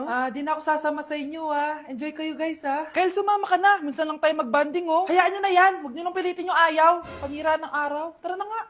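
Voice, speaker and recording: A woman's voice: very high-pitched, fairly bright tone, slight background noise. A woman performing playful, teasing everyday comedy skits.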